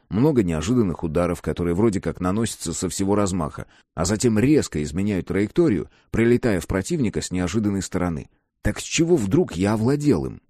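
A man narrating a first-person audiobook with an expressive, lively reading. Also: sits low, dry recording, studio quality.

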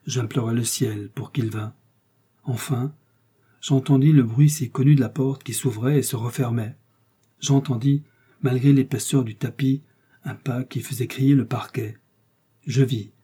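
A man's voice: mid-range voice, steady tone, unhurried, warm tone, breathy edge. A man reading an audiobook, voicing a defiant, vengeful young noblewoman in an impassioned, dramatic way. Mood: tense.

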